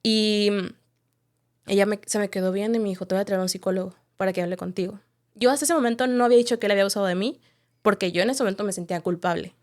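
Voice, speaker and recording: A woman's voice: medium pitch, very fast. A woman, a podcast guest giving a candid, reflective personal testimony, often ending her thoughts with a questioning "right?". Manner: candid, reflective storytelling with frequent tag questions.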